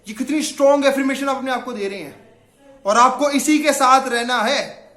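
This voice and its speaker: A man's voice: very high voice, bright, forceful tone, reverberant. A man giving a motivational self-help talk in Urdu, mixing in English phrases and guiding the listener through affirmations.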